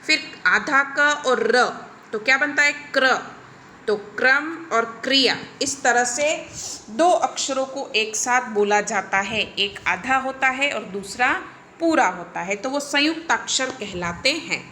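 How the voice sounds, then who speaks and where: A woman's voice: fairly high pitch, measured pace, bright, forceful tone, a little hiss or hum. A woman teacher giving a recorded grammar lesson, explaining step by step and checking in often. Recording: echoey room.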